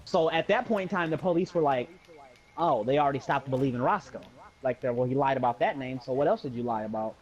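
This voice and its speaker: On a dull lo-fi recording, a young adult American man with a medium-pitched voice talks fast and animatedly, telling friends a slangy anecdote and performing the dialogue himself.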